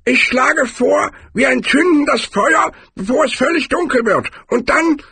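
Cohen, a shrill old barbarian. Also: male voice, lively intonation, measured pace, bright, forceful tone, husky, no room sound, full character voice. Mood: gloomy. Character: old grizzled male barbarian, gruff and boastful.

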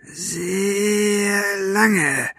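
Guy reading it doing a creepy sneering thug, slow drawly taunts, highish thin voice, kinda husky. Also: dry recording, clean studio sound, exaggerated voice. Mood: menacing. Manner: slow, drawn-out, threateningly quiet. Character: sneering menacing male thug, fox-faced.

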